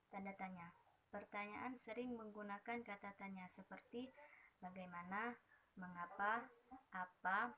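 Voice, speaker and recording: A young woman, a student presenter, reading a class presentation in a measured way, working through terms and examples. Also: mid-range voice, fairly bright tone, slight background noise, low-quality recording. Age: young adult.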